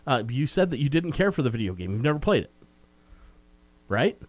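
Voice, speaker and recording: A man's voice: mid-range voice, big pitch swings, brisk, no room sound. Guy rambling through a movie recap, casual review chat, dry close mic. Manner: meandering, talkative recap.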